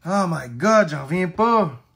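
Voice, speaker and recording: A man with a Québécois accent opening card packs in a casual vlog, excitable and full of exclamations. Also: sits high, a little slow, vocal fry. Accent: Québécois French.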